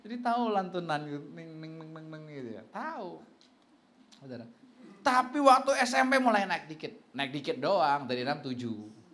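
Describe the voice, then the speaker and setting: Pastor guy preaching, highish voice, tells stories, laughs a lot, jumps way up for quotes. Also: normal speed. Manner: animated storytelling, jumps high for quoted voices; laughs between lines. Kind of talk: sermon.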